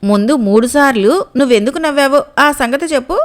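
A simple, pushy fisherman from a storybook, voiced by a woman reading the tale. He keeps pressing his questions and wants answers now, in a high, bright voice. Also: fairly quick, natural voice. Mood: insistent. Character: simple, demanding male fisherman, grown man.

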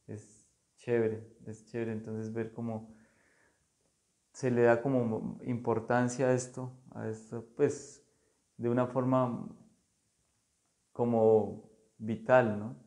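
Artist guy, low gravelly voice, real slow and flat, lots of ums, chatting in his studio. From Colombia. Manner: slow, thoughtful, halting with many fillers. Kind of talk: casual conversation about art.

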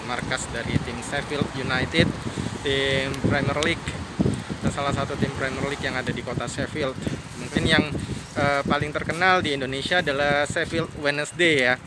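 A man in his thirties chatting casually as he walks and films outside a stadium on a handheld phone, musing aloud with many fillers. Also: mid-range voice. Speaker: vlogger. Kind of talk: casual walking vlog. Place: outdoors by a stadium. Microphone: phone held at arm's length. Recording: noisy outdoor phone recording. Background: street ambience and passing cars.

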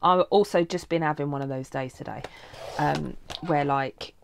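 A woman's voice: sits low, moderate pace, gravelly, slight background noise. A woman, a planner vlogger, chatting casually and swearing freely as she talks through setting up her planner at her crafting desk.

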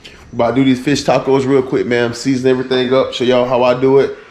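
A man's voice: mid-range voice, monotone, quick pace, darkish tone, a little hiss or hum. Hyped man vlogging outdoors. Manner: hyped, slangy, calls out to viewers. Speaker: vlog host. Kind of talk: casual outdoor vlog chat.

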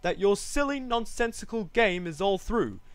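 A man's voice: high voice, sing-song, measured pace, fairly bright tone, no room sound, voice pushed up, full character voice. A man voicing a sour, haughty mother kangaroo in a storybook, snapping and scolding indignantly. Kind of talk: storybook character voice.

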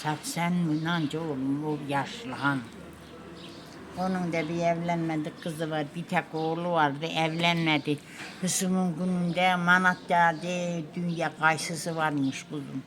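A woman's voice: deep voice, fairly even intonation, measured pace, fairly bright tone. An old woman with a rural Turkish dialect chatting and reminiscing in a folksy way, calling her listener dear. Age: elderly. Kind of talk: casual chat, reminiscing. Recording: noisy recording with ambient sound.

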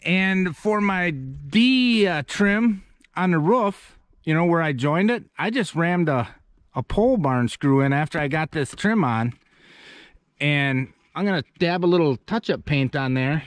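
Vlogging his barn build, a homesteader gives a casual walk-through outdoors at a rural building site and inside the wooden structure. His voice sits on the high side and is expressive, moving at a measured pace with no echo. He rambles in a folksy, self-deprecating way as he shows off his work.

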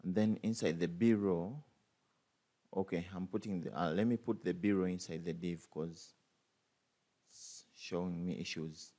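A programming tutor with a low, mellow voice talks a little slowly over a screen recording of a coding tutorial. He thinks aloud, using many fillers and restarting his sentences.

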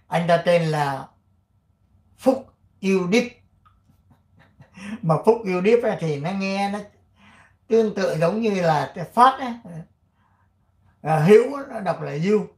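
An older man from Vietnam hosting his channel, chatting casually and reading an article aloud, rambling with many fillers and frequent throat clearing. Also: a little high, reverberant. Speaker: channel host.

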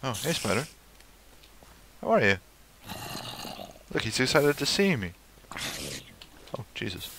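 A man's voice: medium pitch, very animated, a little slow, long pauses, background noise. A young man giving casual let's play commentary, swearing and talking to the creatures in his game. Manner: swears at the game, talks to mobs.

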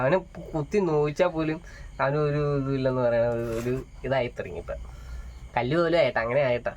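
Rambling young man, lo-fi home recording. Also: medium pitch. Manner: rambling, with many fillers and repeats. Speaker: vlogger. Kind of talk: casual personal monologue. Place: small rented home. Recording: dull lo-fi phone audio with faint crickets.

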